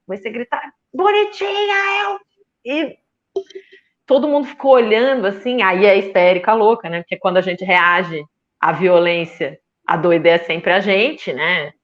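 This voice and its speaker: A woman's voice: fairly low pitch, normal speed. Indignant Brazilian woman, slightly muffled audio. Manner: emphatic, indignant, repeats words for force. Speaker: feminist union leader, panel guest. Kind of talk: impassioned panel discussion.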